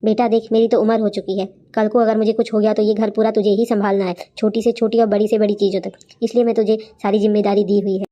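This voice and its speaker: A woman voicing a gentle, wise older mother-in-law in a cartoon, speaking in a soothing, coaxing way. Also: mid-range voice, little pitch movement, quick pace, hardly any pauses, natural voice. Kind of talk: cartoon voice acting.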